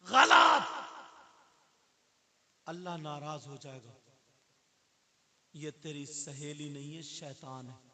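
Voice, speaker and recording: A male preacher telling a moral story in a sermon, acting out the characters' lines and building to loud pleading cries. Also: a little high, steady tone, long pauses.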